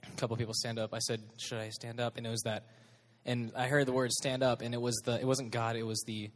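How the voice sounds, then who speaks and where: A man's voice: mid-range voice, level tone, fast talker, big-room sound. A man sharing his camp testimony, self-deprecating and reflective. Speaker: youth group member sharing testimony. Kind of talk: casual spoken testimony. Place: large hall at a youth church event.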